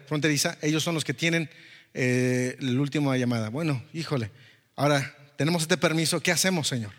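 A man preaching a personal testimony, telling the story in a lively way and acting out the dialogue. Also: medium pitch, long reverb tail. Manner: storytelling, animated, acts out dialogue. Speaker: pastor. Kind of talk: sermon testimony.

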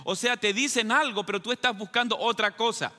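A man's voice: sits high, fairly even intonation, fairly quick, bright, forceful tone, big-room sound. A man preaching a sermon, explaining simply and often asking his listeners rhetorical questions. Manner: asks the listeners rhetorical questions, adds "¿verdad?"; explains in plain terms with everyday examples.

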